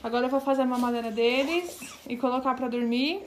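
A young mother of twins with a Brazilian Portuguese accent talks fast in a high voice, cheerfully chatting to her viewers while caring for her babies. It's a casual vlog with background noise and loud background music.

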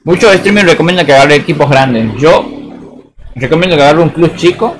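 This man has an Argentine accent from Tucumán and a voice on the high side, talking at normal speed with slight background noise. He rambles casually through a live game stream, slangy and dropping "boludo" often.

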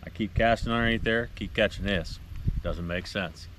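This middle-aged American man, a fishing vlogger and tournament angler, chats to his viewers in a loose, folksy way as he fishes from a small lake boat. He speaks at a moderate pace in a lowish, slightly bright voice, with heavy background noise on the outdoor action-camera audio.

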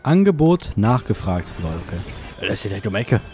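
A man's voice: lowish voice, very animated, fairly quick, a little mellow, breathy edge, faint music behind. A man commenting casually on his gameplay, chatty and sarcastic, grumbling at the game as he plays. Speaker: let's play gamer.

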